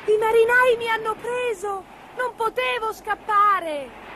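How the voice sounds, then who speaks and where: A woman's voice: very high-pitched, slow pace, noisy background, voice pushed up. A woman voicing a frightened little male witch's kitten in a storybook reading, with pleading, tearful cries.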